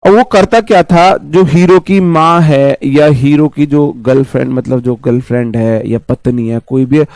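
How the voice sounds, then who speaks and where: A man's voice: medium pitch, normal speed, darkish tone, dry recording. A male coaching teacher with a sore, worn-down throat, explaining English vocabulary in a chatty class that keeps circling back on itself. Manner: chatty, repeats himself, calls students "bhai". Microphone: mic placed close.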